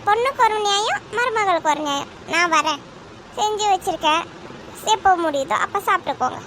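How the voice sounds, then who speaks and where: A woman's voice: extremely high pitch, lively intonation, brisk, fairly bright tone, slight background noise. A woman voicing a hardworking, outspoken young daughter-in-law in a cartoon, blunt and reproachful. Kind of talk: cartoon voice acting.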